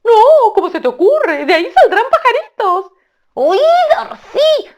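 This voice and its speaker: A woman voicing a foolish, excitable male tailorbird who shouts in a shrill sing-song. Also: unhurried, exaggerated voice. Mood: gleeful.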